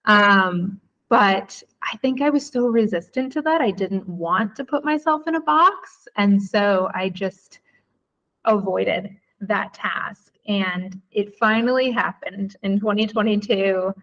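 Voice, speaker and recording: A woman from the Chicago area, a guest author, speaks reflectively and warmly in a podcast interview, with occasional ums. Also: medium pitch, slow, lo-fi sound. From United States, Chicago area.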